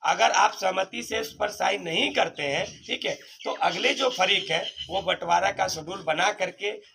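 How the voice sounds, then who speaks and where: A hoarse man, a survey officer giving firm instructions at a village meeting and stressing his warnings. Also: high voice, measured pace, bright, forceful tone. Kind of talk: public address at a village meeting. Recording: noisy field recording.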